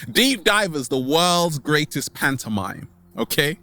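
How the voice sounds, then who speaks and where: A man with a slightly high, very animated voice and a bright, forceful tone hosts a vlog. He delivers a playful, theatrical motivational monologue to his online followers, repeating catchphrases and drawing words out for emphasis.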